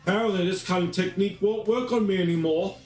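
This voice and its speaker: A man's voice: high voice, fast talker, darkish tone, pitched above the performer's own voice, natural voice. A man voicing a proud, cocky male warrior prince with a smug, taunting manner. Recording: roomy distant voice, faint music.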